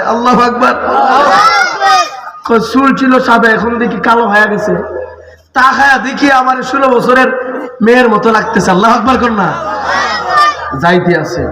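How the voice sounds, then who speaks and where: A man, preaching a sermon in a chanting, rhythmic style and calling out to the crowd at a large outdoor gathering. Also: high-pitched. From Bangladesh. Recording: echoey far-off PA recording with crowd.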